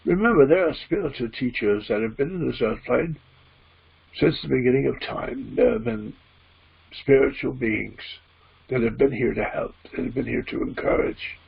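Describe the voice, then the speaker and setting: A solemn spirit guide speaks through a man acting as medium in a seance trance. The voice is heavily gravelled and rough, with deliberate, preachy phrasing that repeats for emphasis. The recording is slightly muffled and lo-fi. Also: medium pitch, sing-song, exaggerated voice. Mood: earnest, teaching. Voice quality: gravelly, husky. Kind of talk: trance-channeled spiritual teaching. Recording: dull, muffled lo-fi audio.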